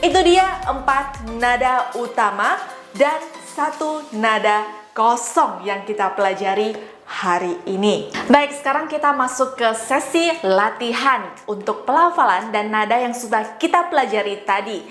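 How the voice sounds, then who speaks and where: A woman teaching a language lesson, demonstrating sounds and tones slowly and carefully. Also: a little high, a bit bright, reverberant, faint music behind. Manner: slow, careful, exaggerated tone demonstrations. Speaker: Mandarin teacher.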